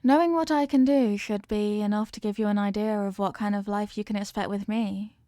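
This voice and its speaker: In a scripted ASMR audio drama, a woman voices an evil queen delivering a roleplay monologue with formal, measured authority. Her mid-range voice is steady and warm, lightly acted, and she sounds possessive and obsessively in love, offering reassurance with menace hidden beneath courtly manners. The recording is dry, with very little room sound.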